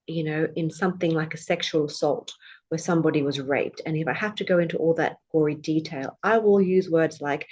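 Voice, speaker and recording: Woman, low voice, former prosecutor, articulate explainer. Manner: articulate, explains words with examples. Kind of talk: conversational explanation.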